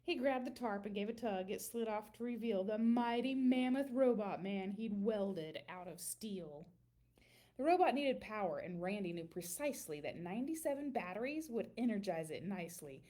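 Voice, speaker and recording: A children's picture book is read aloud by a woman with a mid-range voice, who performs it with dramatic emphasis and long, drawn-out words in an expressive storytelling manner.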